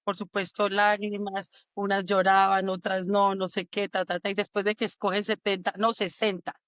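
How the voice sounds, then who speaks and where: Animated Colombian woman telling stories. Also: medium pitch, normal speed, no echo, clean studio sound. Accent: Colombian, Quindío. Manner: animated, acts out quotes, sings la la. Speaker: army sergeant major, guest. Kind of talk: casual storytelling interview.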